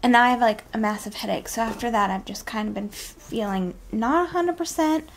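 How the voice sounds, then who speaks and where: Higher-voiced young woman chatting over background noise. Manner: informal, drawn-out asides with frequent "like" and "kinda". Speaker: vlogger. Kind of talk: casual daily vlog chat. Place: at home, indoors. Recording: clear background noise, home ambience.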